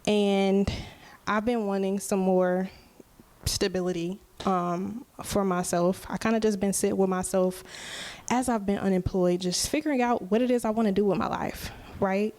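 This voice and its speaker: This is a podcast host and musician in her twenties with a steady, slightly mellow mid-range voice. Alone at the mic, she speaks to her audience casually and without hurry, and "right?" keeps coming up as she checks in.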